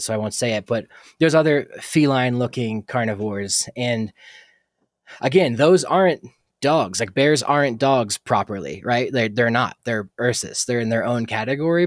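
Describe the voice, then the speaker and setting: A man's voice: mid-range voice, no echo, clean studio sound. Rambling man hosting a dog podcast. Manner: rambling, tangent-prone, many fillers. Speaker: podcast host. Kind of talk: casual solo podcast talk.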